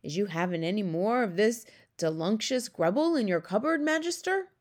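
A woman voicing a big, friendly, childlike male giant who exclaims excitedly in garbled grammar. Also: mid-range voice, normal speed, natural voice. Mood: greedy delight. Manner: garbled ungrammatical speech, exclamatory.

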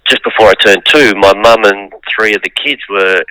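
Low, bright-voiced man. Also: normal speed, no echo, poor audio. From Australia. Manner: open, thoughtful, many ums. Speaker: guest musician and songwriter. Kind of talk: interview storytelling.

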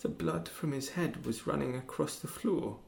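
A young man playing a bitter teenage boy accused of killing his father, talking in a sullen, cold and detached way that flares into shouts. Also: a little high, normal speed, gravelly. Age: young adult. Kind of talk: stage drama acting.

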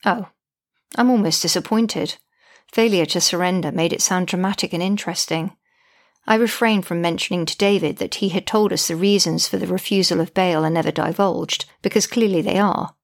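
A woman with a slightly low voice reads her own diary-style account aloud. She sounds indignant and exasperated, with a dry, wry edge as she narrates. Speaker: podcast narrator, mother.

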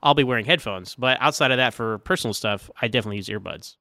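A man's voice: medium pitch, fast talker, pushed and bright, no room sound, studio quality. A man hosting a podcast, chatting casually with lots of "like" and "right". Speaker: podcast host. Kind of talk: casual interview chat.

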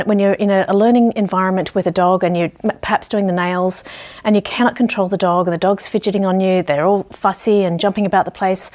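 A woman from Australia with an Australian accent, teaching through conversational storytelling in a halting, reflective way. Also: medium pitch, a little mellow. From Ballarat, Australia. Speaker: dog grooming educator.

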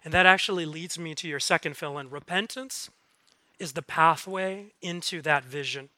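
A man in his thirties preaching a sermon as a guest speaker, animated and conversational, joking and asking rhetorical questions. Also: on the high side, normal speed, no echo.

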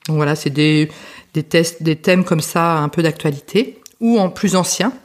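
A woman's voice: deep voice, moderate pace. A middle-aged French woman hosting her own podcast, talking casually with frequent fillers and restarts. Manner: chatty, many fillers and restarts. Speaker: podcast host. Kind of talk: casual spoken monologue.

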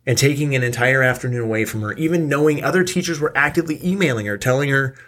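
A middle-aged man hosting his own podcast, ranting angrily and profanely while stoned and worn out. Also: medium pitch. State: stoned, weary. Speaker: podcast host. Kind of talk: casual ranting monologue.

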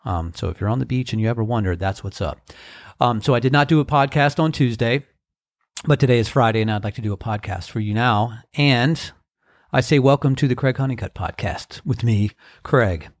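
A middle-aged man hosting his own podcast, talking in a relaxed, reflective, unhurried way with frequent ums and uhs. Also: mid-range voice, dry recording, studio quality. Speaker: podcast host. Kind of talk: casual solo podcast monologue.

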